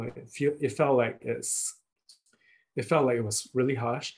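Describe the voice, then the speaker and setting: A man with a Singaporean accent answering interview questions casually, often pausing and rephrasing mid-sentence in a hesitant way. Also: mid-range voice, a little mellow. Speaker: guest, writer and researcher.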